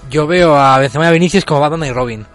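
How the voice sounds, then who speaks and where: Rapid chatty football fan. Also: male voice, a little high, fairly bright tone, soft background music. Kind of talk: casual football chat.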